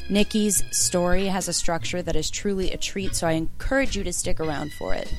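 An American woman introducing a podcast in an informal, conversational way, talking intimately and directly to her listeners. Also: low voice. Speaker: podcast host.

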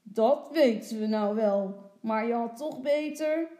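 A woman voicing a firm but reasonable father in a storybook, speaking loudly and steadily. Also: a little high, animated, slow.

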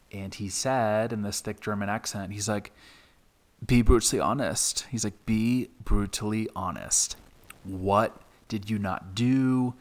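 A man's voice: lowish voice, a bit bright. A man hosting his own podcast, telling a personal story in a reflective way, with many fillers. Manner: slow, reflective, with frequent fillers. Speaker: podcast host.

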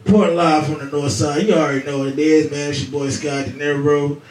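A man's voice: fairly high pitch, fairly even intonation, a little fast, a little mellow, roomy sound, recorded from a distance. A man hosting a casual chat show with guests, talking in loose, slangy banter and swearing freely. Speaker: podcast host.

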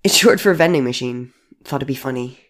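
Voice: medium pitch, brisk, a bit bright, lightly acted. A storyteller voicing C J, an eighteen-year-old who jokes wryly to cover hurt. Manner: wry jokes over hidden hurt. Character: self-deprecating young person named C J, age eighteen. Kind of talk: audiobook character voice.

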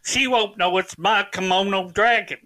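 A man playing a dim-witted, earnest rural brother who talks in a slow, ungrammatical backwoods drawl. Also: high voice, bright, forceful tone.

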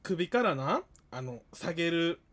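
A woman's voice: on the low side, big pitch swings, measured pace. A young woman with a Kansai accent, hosting a casual chat with playful, exaggerated reactions. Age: young adult. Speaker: podcast host.

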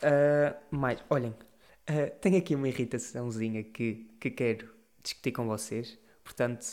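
A man's voice: medium pitch, steady tone, moderate pace, darkish tone. A young man with a European Portuguese accent, hosting a casual solo podcast and ranting with exasperation and frequent swearing. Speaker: podcast host.

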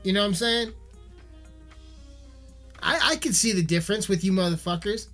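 A man's voice: high-pitched, expressive, moderate pace, a bit bright. A man giving a heated, profanity-filled video rant, swearing constantly and repeating himself, with faint music behind him. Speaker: musician ranting on camera.

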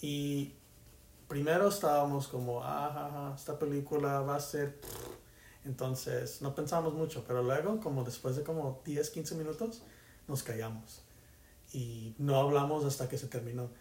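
A man's voice: fairly high pitch, steady tone, moderate pace, a little mellow, reverberant, a little hiss or hum. A man co-hosting a podcast in casual chat, telling stories animatedly and switching between Spanish and English. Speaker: podcast co-host.

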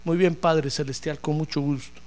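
A man preaching a sermon in an animated, joking way, acting out voices as he tells the story. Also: fairly high pitch, normal speed.

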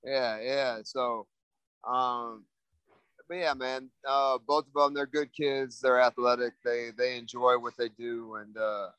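Laid-back male fighter, flat monotone, relaxed interview answers. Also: medium pitch, slow, clear, resonant tone, no echo, poor audio. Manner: laid-back, mellow, many "you know" fillers. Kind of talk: casual interview.

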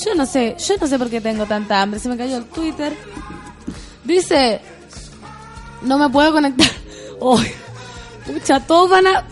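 A Chilean woman hosting morning radio, chatting playfully and joking as she reads out listener messages. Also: sits high. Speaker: radio host. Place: radio studio.

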